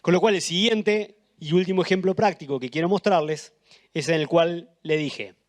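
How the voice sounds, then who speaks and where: Uruguayan man giving a lively lecture. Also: on the high side. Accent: Uruguayan Spanish. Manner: explanatory, animated emphasis with frequent restarts. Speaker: conference speaker. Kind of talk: live educational talk.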